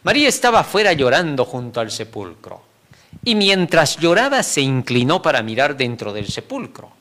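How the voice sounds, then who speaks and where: Animated man teaching a Bible lesson. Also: fairly high pitch, normal speed. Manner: animated, frequent tag questions, chuckles between points.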